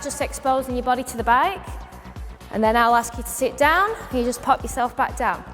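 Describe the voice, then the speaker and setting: A woman spin instructor informally explaining a bike demonstration step by step. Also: sits high. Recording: echoey hall with music behind.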